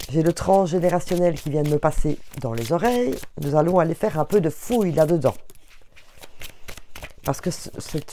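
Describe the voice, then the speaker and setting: Low, warm Belgian woman reading cards. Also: a little hiss or hum. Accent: Belgian French. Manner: chatty, addresses viewers directly, many fillers and restarts. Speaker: tarot reader. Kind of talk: casual astrology card reading to viewers.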